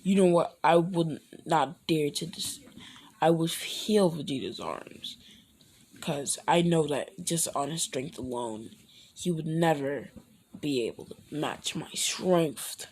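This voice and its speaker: A woman voicing an arrogant, all-powerful male fighter who talks in a low, quiet, boastful, threatening way. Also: takes it slowly, slight background noise.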